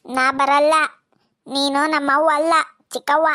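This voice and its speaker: Casting: small cartoon girl from North Karnataka, earnest, begging, very high voice, dry, a woman doing it. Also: flat delivery, measured pace, fairly bright tone, no echo. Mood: childish. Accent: North Karnataka Kannada. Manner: earnest and pleading. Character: pleading little girl of six or seven. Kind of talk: cartoon voice acting.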